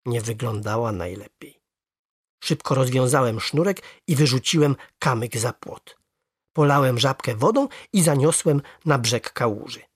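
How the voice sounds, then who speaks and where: A storyteller reading a first-person children's story aloud with lively, expressive narration. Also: mid-range voice, husky, no room sound, clean studio sound.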